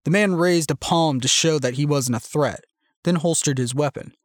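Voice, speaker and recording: A man narrates a first-person novel in a measured, steady reading voice. His pitch sits a little high for a man. The sound is close and dry, with no room around it. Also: dry recording. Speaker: audiobook narrator.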